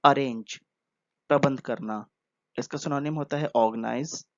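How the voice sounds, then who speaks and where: A man giving a word-by-word vocabulary lesson, patient, repeating each word and explaining it slowly. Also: medium pitch, no room sound. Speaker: English vocabulary teacher. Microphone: earphone mic. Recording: dull lo-fi earphone recording.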